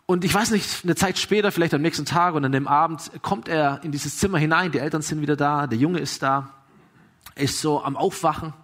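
A man preaching a sermon, telling a story with emphatic rises and hushed drops. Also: on the high side, brisk. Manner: emphatic, swings from raised to hushed. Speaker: pastor.

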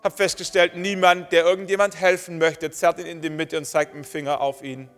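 A man's voice: a little high, little pitch movement, a little fast, fairly bright tone. A man preaching a sermon to his congregation, emphatic and building in short repeated phrases. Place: church hall. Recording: long church-hall reverb, faint music.

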